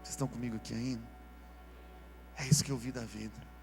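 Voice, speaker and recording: A Brazilian man preaching a sermon at a live church service, in a casual, slangy way that swings from quiet asides to shouting. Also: mid-range voice, fairly even intonation, fast, gravelly, music in the background. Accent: Brazilian Portuguese. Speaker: pastor.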